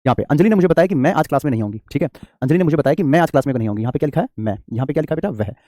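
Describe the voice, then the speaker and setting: A male teacher talks through a grammar lesson at a brisk clip. He asks his own questions and answers them, and he addresses students fondly as children. His voice is warm and relaxed, and the recording is dry and close with no room sound. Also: on the high side, dry recording. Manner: affectionate toward students, calls them child. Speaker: English teacher. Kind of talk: classroom-style grammar lecture.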